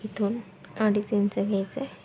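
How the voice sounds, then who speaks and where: A woman giving a step-by-step sewing tutorial, speaking softly and quietly at night, repeating steps as she goes. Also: medium pitch, little pitch movement, moderate pace, slight background noise. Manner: instructional, repeats steps and measurements.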